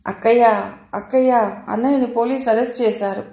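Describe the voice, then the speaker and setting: A woman voicing a distraught younger brother who speaks in halting, sobbing pleas in an audio novel. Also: a little high, steady tone, dark tone, roomy sound, natural voice. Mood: alarmed.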